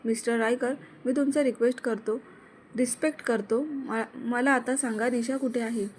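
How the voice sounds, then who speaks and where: A woman voicing an angry young man in an audio story who shouts and demands answers. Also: on the high side, fairly even intonation, normal speed, slight background noise, natural voice. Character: angry young man searching for his lover.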